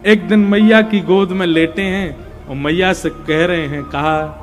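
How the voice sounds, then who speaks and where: A man's voice: high-pitched, fairly even intonation, a little slow, faint music behind. A man telling devotional stories in a sermon, tenderly acting out the voices in the tales. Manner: tells tales lovingly, leads the crowd in chanted song. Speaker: devotional preacher.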